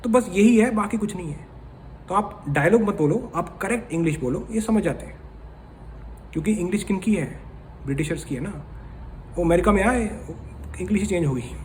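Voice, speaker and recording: High-pitched chatty man giving advice. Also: animated, moderate pace, pauses often, a little mellow, a little hiss or hum. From India. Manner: chatty, opinionated, lecturing tone. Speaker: vlogger. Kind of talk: casual commentary vlog.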